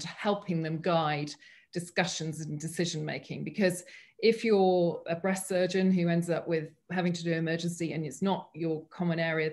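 A woman's voice: on the low side, darkish tone. A woman speaking earnestly as a panelist in a medical webinar over a video call. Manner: thoughtful, earnest, frequent restarts.

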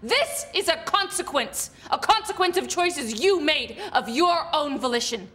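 A woman's voice: high-pitched, expressive, unhurried, sharp tone, exaggerated voice. A woman playing a stern, cold officer of a dystopian regime in a film drama, formal and commanding. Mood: stern, reproachful. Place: bare brick room.

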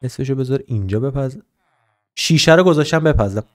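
Excitable man chatting through a game. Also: mid-range voice. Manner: excitable, teasing, chatters to the game's animals and villagers. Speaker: gaming channel host. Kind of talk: casual let's-play commentary.

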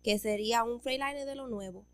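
A woman from the Dominican Republic with a Dominican accent, a truck driver telling stories in a lively, expressive chat. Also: a little high, brisk, smooth, dry recording. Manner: chatty, expressive storyteller. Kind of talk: casual chat.

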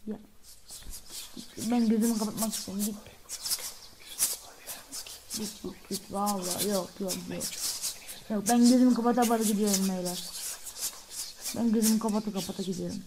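A woman's voice: mid-range voice, fairly even intonation, normal speed, pauses often, background noise. A woman hosting a channel, giving frightened, pleading let's-play commentary on a horror game and swearing often. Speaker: gamer and channel host.

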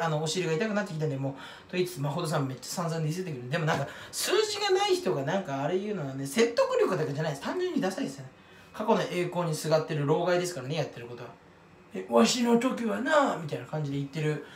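A young man rambling through a self-mocking comedic monologue as a YouTuber, with quick throwaway impressions. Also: high voice, a little hiss or hum. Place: toilet room. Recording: echoey small room, mic at a distance.

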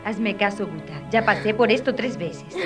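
An actress playing an experienced mother who calmly coaches a young woman through childbirth, patient and firm. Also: medium pitch, normal speed, far from the mic, over music, lightly acted. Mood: urging. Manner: soothing, patient, firmly coaching. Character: calm experienced mother acting as midwife. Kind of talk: dubbed telenovela acting.

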